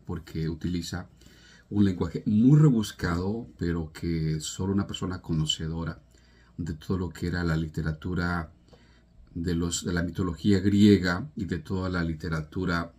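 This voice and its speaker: A man from El Salvador talks through literature in a very low, husky voice. He is earnest and informal, stumbling and restarting now and then. His voice lifts with emphasis on key words. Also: dark tone. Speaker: literature presenter.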